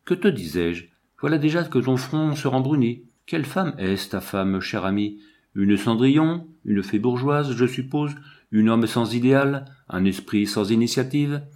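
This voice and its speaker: A man's voice: medium pitch, lively intonation, unhurried, a little mellow, lightly acted. A man reading the part of a haughty, mocking Italian countess in an audiobook, with a theatrical, declaiming manner.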